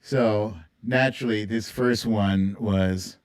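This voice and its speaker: The host has a mid-range voice that stays steady, slow and a little mellow. During a casual livestream chat built around a TV theme quiz, they ramble, think aloud and playfully hum and sing theme tunes.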